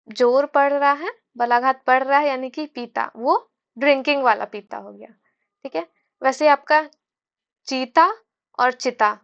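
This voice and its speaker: High-voiced woman teaching a lesson. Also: a bit bright. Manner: explanatory, frequent fillers and check-ins. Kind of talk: explaining grammar lesson. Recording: dull lo-fi recording.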